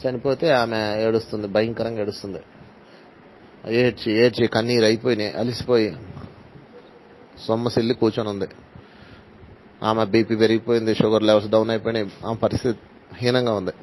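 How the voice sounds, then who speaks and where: A man's voice: on the low side, flat delivery, brisk, pauses often, darkish tone, slight background noise, poor audio. A man teaching in a spiritual talk, telling stories and acting out the dialogue, with English phrases mixed into his speech. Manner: storytelling, acts out dialogue, mixes in English phrases.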